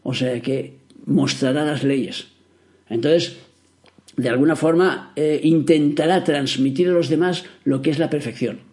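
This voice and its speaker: A man's voice: a little high, unhurried, darkish tone. A middle-aged man, teaching astrology in a spoken lecture, explaining patiently with rhetorical questions and fillers.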